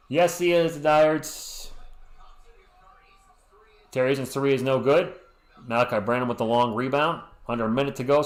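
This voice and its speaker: Here a Western Massachusetts man hosts a live sports stream, giving play-by-play of a basketball game. His voice has medium pitch and a fairly bright tone. He chats with viewers, answers chat with jokey asides, and cracks jokes between plays, and the audio carries a roomy echo.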